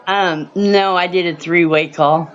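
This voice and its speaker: A woman's voice: lowish voice, fairly even intonation, unhurried. A woman chatting casually as a guest on a call-in stream, her voice tinny through the call line. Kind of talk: casual chat. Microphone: remote call audio.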